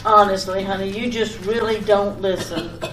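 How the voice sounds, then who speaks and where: Here a woman's medium-pitched voice, fairly even in intonation and fairly bright, moves at a moderate pace not far from her everyday speech. She's playing an insistent, fussing, affectionate wife who nags and keeps repeating herself in an old-time radio comedy sketch. Background noise and room echo come through a distant microphone.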